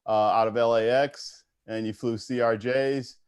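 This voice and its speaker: A man's voice: mid-range voice, steady tone, unhurried, darkish tone, clear, resonant tone. A man asking interview questions in a conversational way, keen on aviation.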